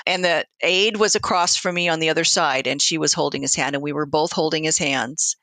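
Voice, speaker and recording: A woman's voice: deep voice, a little fast, pushed and bright, dry recording. A woman speaking as a hospice nurse and interview guest, reflectively sharing anecdotes in conversation and acting out quoted exchanges. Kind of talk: conversational storytelling.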